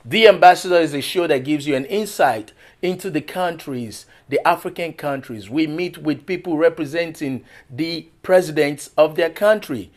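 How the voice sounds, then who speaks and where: A man's voice: a little high, normal speed. A man who is a pastor, hosting a TV interview show in a formal, welcoming manner. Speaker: talk show host and pastor.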